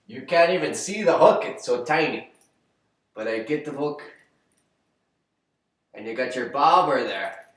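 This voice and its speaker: Man, mid-pitched voice, folksy rambling deadpan comedy, echoey recording. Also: a little slow, pauses often. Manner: rambling folksy delivery with many fillers and restarts. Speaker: comedic vlogger. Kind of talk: deadpan comedic how-to monologue. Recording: echoey roomy sound.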